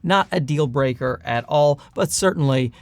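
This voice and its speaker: A man's voice: on the high side, normal speed, dry recording. Leprechaun-voiced man reviewing gear. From Newfoundland, Canada. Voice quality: light, leprechaun-like voice. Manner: chatty, enthusiastic, with dry self-deprecating asides. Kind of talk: casual product review to camera.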